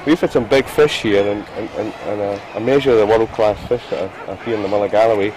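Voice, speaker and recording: A man's voice: on the low side, steady tone, fast. A middle-aged man, an angler explaining his fly fishing gear to the camera, keen and stumbling over repeated words. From Scotland. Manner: enthusiastic, repeats and restarts words. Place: small open boat at sea outdoors. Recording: outdoor boat with sea noise. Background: wind, water and boat noise.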